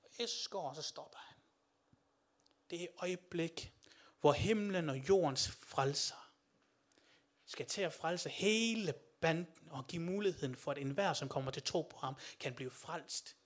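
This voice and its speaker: A man delivering a sermon in a voice pitched a little high for a man. He swings between hushed, low passages and loud, rising declarations, and puts questions straight to his listeners. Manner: addresses listeners directly with questions. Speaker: preacher.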